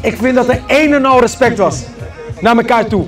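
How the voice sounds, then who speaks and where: A man's voice: extremely high pitch, moderate pace, music in the background. A man hosting a prize ceremony outdoors, announcing winners and calling out names to a crowd. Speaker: vlogger and event host. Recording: loud crowd behind.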